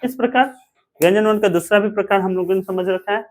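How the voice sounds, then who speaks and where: A male teacher giving an online grammar lesson, who repeats each point, draws out the examples slowly and keeps quizzing his viewers as friends. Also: high-pitched.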